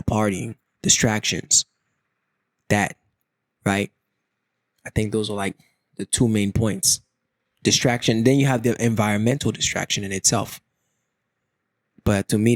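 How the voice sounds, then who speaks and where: A man's voice: fairly low pitch, no room sound, studio quality. Laid-back man chatting on a podcast. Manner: animated storyteller, slips into playful impressions, laughs often. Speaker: podcast guest. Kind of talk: casual podcast chat.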